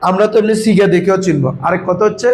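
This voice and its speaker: A man's voice: sits high, racing, poor audio. A man teaching Arabic grammar to a class, often quizzing his students and calling them "baba". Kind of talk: classroom lesson.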